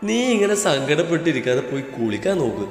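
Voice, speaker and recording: A man's voice: mid-range voice, sing-song, fast. A man doing a blunt, teasing young woman. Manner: teasing, scolding. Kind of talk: storybook narration. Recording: echoey with long reverb, faint music.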